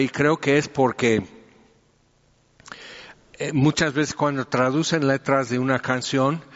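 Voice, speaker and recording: A man giving a conversational sermon. He explains with everyday examples and fills his pauses with "este". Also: medium pitch. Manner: explanatory, uses homely examples and many fillers. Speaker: preacher. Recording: dull echoey hall recording.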